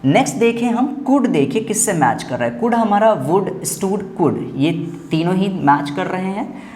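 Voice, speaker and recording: A man's voice: sits high, lively intonation, normal speed, a little mellow. A man with an Indian accent explaining a lesson step by step, repeating each point with emphasis and urging the viewer to look closely. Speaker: teacher. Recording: echoey room with faint background noise.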